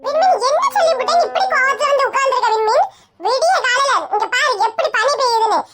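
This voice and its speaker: Bossy, taunting young husband with a Kanyakumari Tamil accent, voiced by a woman, high and quick. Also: lively intonation, over loud music. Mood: arguing. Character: hot-tempered young husband.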